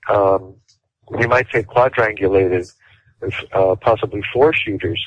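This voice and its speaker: A male interview guest explaining in detail and at a deliberate pace, with frequent fillers. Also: fairly low pitch, slight background noise. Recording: dull dry lo-fi audio.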